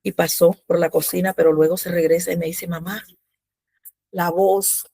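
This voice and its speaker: A woman's voice: on the low side, little pitch movement, fast talker, creaky, dark tone, husky, no room sound. A woman giving a religious testimony in a devotional, telling her story with fervor and acting out the prayers she quotes. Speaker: devotional speaker.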